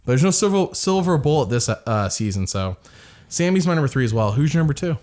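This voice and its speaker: This man co-hosts a podcast and talks through a reality show in loose conversation, full of restarts and frequent laughter. He speaks briskly in a fairly high, sing-song voice with a slightly mellow quality.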